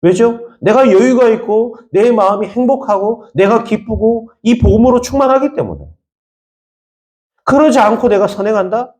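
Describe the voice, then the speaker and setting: A man's voice: sits high, moderate pace, a little mellow. A man from the Jeolla region of Korea, a pastor preaching a sermon with emphatic repetition and rhetorical questions to the congregation.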